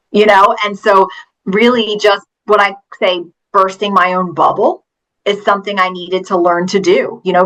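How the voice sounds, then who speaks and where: A woman's voice: medium pitch, fairly bright tone, rough recording. A woman from Pennsylvania, a teacher and author, answering interview questions in an earnest, storytelling way. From Pennsylvania, USA.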